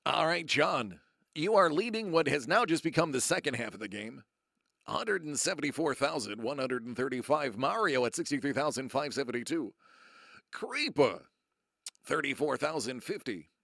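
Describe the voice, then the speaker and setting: Playful game show host with gravelly voice. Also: male voice, medium pitch, animated, fairly bright tone, no echo, studio quality. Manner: playful, drawn-out dramatic reveals; chatty asides to viewers in chat. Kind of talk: live-streamed trivia game show hosting.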